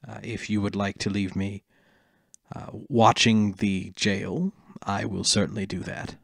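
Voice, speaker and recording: A man acts out an earnest elf for a tabletop role-play. He is soft-spoken and slightly camp, choosing formal words slowly and deliberately. The voice sits fairly low and sounds close and dry. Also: flat delivery, creaky, dry recording. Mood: polite, accommodating. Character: gentle, earnest male elf orchard keeper, formal and measured.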